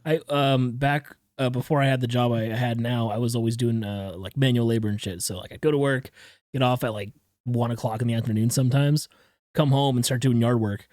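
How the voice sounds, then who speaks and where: A young man hosting a podcast in a laid-back way, with casual swearing in his talk. His voice has a middle pitch and sounds close and dry. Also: steady tone, brisk, darkish tone, no room sound. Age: 20s. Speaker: podcast host. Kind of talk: casual chat.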